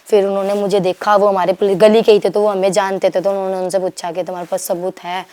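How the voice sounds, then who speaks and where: A young woman from Delhi, telling her story to an interviewer in a rambling, animated way, acting out what others said and restarting her sentences. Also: medium pitch, quick pace. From Delhi, India. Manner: rambling, animated retelling with quoted dialogue and restarts. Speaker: guest.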